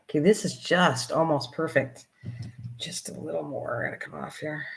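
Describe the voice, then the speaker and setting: This older woman speaks in a low, gravelly voice at a moderate pace while hosting a relaxed craft livestream. She rambles and chats with herself and viewers as she works, captured in a low-quality recording.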